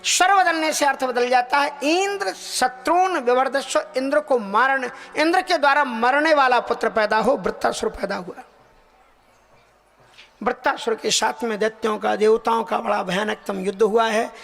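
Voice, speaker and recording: A man's voice: very high voice, moderate pace, gravelly, fairly bright tone. A man preacher giving a devotional scripture discourse, telling the story expressively and breaking into chanted verse. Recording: long hall reverb with faint music.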